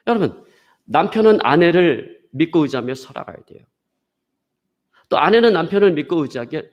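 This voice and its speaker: A man pastor delivers a sermon in a voice pitched a bit higher than most men's. He keeps turning to the congregation and leans on a story to drive his point home. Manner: preaching with a story, addresses the congregation often.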